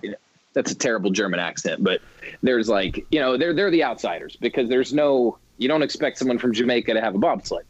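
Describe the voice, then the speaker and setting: A man's voice: medium pitch, lively intonation, fast talker, dry recording. Rambling man with a dull dry sound. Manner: rambling, many restarts and fillers. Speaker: podcast co-host. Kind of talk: casual chat.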